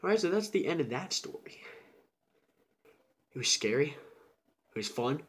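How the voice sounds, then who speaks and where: A young man telling a personal story in a casual, animated way, dropping into whispers and then jumping up loud. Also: a little high, normal speed. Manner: animated, with sudden whispers and shouts.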